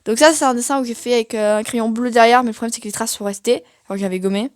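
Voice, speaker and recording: A woman's voice: on the high side, fairly even intonation, very fast, dry recording, studio quality. A young woman giving a casual, chatty tour of her sketchbook, self-mocking and full of fillers. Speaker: art vlogger.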